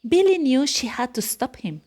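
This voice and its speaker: A woman with a high-sitting voice reads a children's picture book aloud, telling the story expressively and deliberately.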